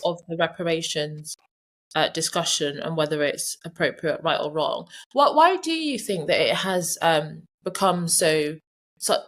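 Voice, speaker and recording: A woman hosting a podcast interview, introducing her guest and asking questions with many hesitations and fillers. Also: lowish voice. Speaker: podcast host.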